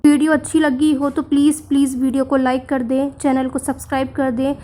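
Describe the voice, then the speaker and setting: A woman calmly explaining a religious practice step by step, listing points by number. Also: high voice, a little fast, a little hiss or hum. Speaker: religious instructor.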